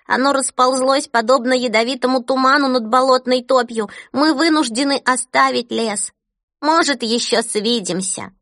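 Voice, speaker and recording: A woman's voice: high voice, moderate pace, fairly bright tone, no echo, studio quality, pitched above the performer's own voice. A woman voicing a sad little elf dandy. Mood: urgent. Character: small male elf fop, gentle and sad.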